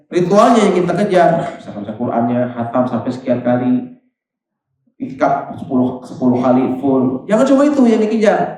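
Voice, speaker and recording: A man's voice: a little high, a little mellow. A male Indonesian preacher gives a chatty Ramadan sermon, asking the congregation questions and acting out voices in his stories. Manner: conversational, asks the congregation directly; acts out quoted voices in the story. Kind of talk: Ramadan evening mosque sermon. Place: mosque prayer hall. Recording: very echoey mosque hall, distant mic.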